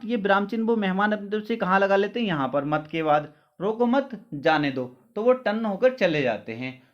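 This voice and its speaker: A male teacher giving an exam-prep lesson. He asks questions and answers them himself, often checking whether it is clear, and drops his voice for each answer. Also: high-pitched. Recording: dull lo-fi sound.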